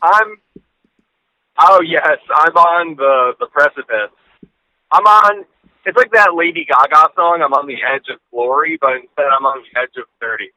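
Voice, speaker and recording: A man in his late twenties, talking through his cell phone on speakerphone as a podcast co-host in casual, rambling chat with halting restarts and casual swearing. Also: on the high side, pushed and bright, dry recording, low-quality recording. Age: late 20s. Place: in a car.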